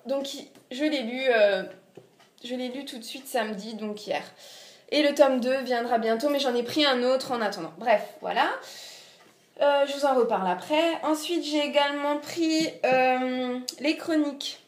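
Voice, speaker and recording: A woman's voice: sits high, unhurried. A young woman with an Alsatian French accent, chatting casually through a book haul vlog with lots of fillers and self-mocking asides. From Alsace, France. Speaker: book vlogger. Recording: echoey room.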